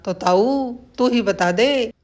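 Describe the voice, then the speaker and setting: An eager, clumsy foreign man, voiced by a woman narrator, speaks in earnest, halting phrases. He sounds keen but unsure, the way a told joke paints a newcomer. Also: on the high side, darkish tone.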